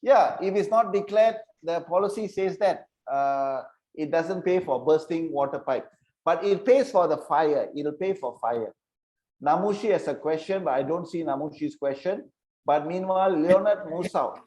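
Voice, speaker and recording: A man's voice: fairly high pitch, normal speed, a little mellow, poor audio. A man teaching an online insurance training session, repeating key points and checking that listeners follow.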